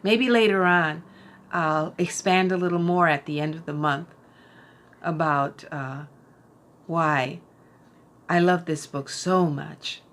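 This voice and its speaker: A middle-aged woman giving a casual book review, thoughtful and unhurried, with frequent fillers and restarts. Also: low voice, a bit bright. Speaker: book vlogger.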